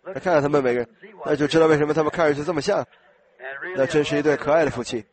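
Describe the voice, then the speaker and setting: Slightly hoarse male preacher, conversational sermon. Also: on the high side, racing, a crowd in the background. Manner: conversational, asking the congregation questions. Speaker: preacher addressing a congregation. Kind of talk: informal sermon.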